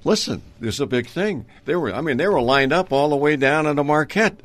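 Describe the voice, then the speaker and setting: A man's voice: fairly high pitch, animated, fairly quick, a bit bright. An older man from Minnesota, a retired radio announcer, reminiscing in a rambling way with many ums and uhs and chuckles. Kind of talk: reminiscing interview talk.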